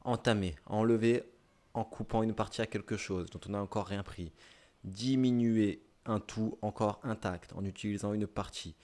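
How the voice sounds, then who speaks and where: Man, southern French accent, lowish voice, live stream dictionary reading, clipped listed phrases. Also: fairly even intonation, moderate pace, warm tone. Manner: reads definitions in short listed phrases, with offhand asides. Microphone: streaming microphone.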